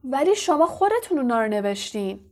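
A woman's voice: on the high side, darkish tone, close to an everyday voice. Harry Potter, an indignant boy wizard, read by a woman. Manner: earnest and accusing.

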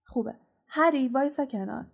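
A woman's voice: sits high, vocal fry, breathy edge, voice pushed up, heavily acted. A woman reading a storybook, voicing a big friendly male groundskeeper who talks in a hearty, chatty way.

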